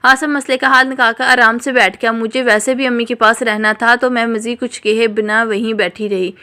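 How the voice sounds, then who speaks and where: A woman narrating a first-person storybook novel in an emotional, expressive reading. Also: fairly high pitch, normal speed, smooth.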